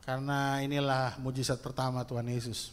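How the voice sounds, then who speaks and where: A male pastor preaching a sermon in a playful, lively way, acting out little prayers and asides. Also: medium pitch, brisk, clear, resonant tone. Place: church hall. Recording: church hall with long reverb.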